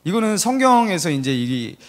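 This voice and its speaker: A man's voice: high voice, sing-song, moderate pace. A male pastor preaching a sermon in a church, telling the story dramatically and asking the congregation questions.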